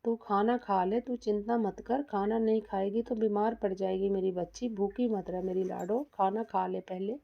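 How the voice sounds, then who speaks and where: A woman's voice: mid-range voice, steady tone, normal speed, vocal fry, hardly any pauses. A woman voicing a doting, protective middle-aged mother who soothes and bristles, in a dull lo-fi recording. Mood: soothing. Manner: soothing, indignant.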